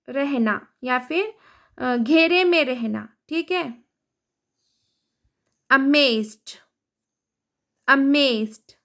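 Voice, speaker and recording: A woman's voice: sits high, creaky, a bit bright. A woman teaching English vocabulary, saying each word twice before giving its meaning, and often checking in with the listener. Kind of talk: vocabulary lesson.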